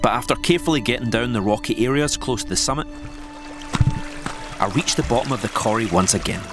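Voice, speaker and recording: A Scottish man in his forties reads a scripted voice-over in a calm, measured way. His voice sits in a middle pitch, and clear music plays underneath. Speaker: narrator.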